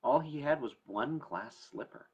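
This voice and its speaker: At a moderate pace, the man speaks in an expressive mid-range voice with a breathy edge, though the recording is muffled. He's an estate planning attorney hosting a story time show, giving a conversational, emphatic educational talk to camera.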